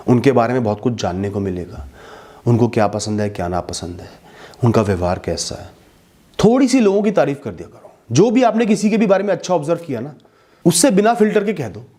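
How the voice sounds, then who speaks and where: A man giving earnest motivational advice to his listeners, speaking directly and warmly in a steady advice-giving talk. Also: mid-range voice. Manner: earnest advice-giving, mixing English words into Hindi.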